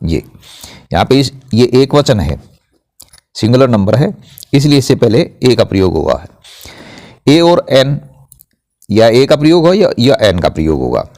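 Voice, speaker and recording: A man's voice: medium pitch, big pitch swings, measured pace, long pauses, darkish tone. A man teaching English grammar, explaining patiently and spelling words out letter by letter. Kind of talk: blackboard-style grammar lesson.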